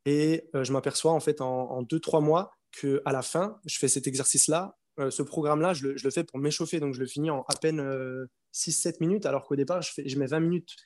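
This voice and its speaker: A young man in his twenties speaks as an interview guest, his voice sitting a little high for a man. He talks casually and haltingly, stopping to restart his sentences and filling gaps with hesitations. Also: steady tone, a little mellow. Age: 20s. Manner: hesitant, many restarts and fillers.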